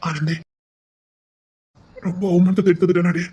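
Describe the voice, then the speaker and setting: A woman voicing a husky, ashamed husband. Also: on the low side, flat delivery, moderate pace, dark tone, highs cut off. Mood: reassuring. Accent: Tirunelveli Tamil. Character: loyal husband and brother, ashamed and tender. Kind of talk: Tamil TV serial dialogue.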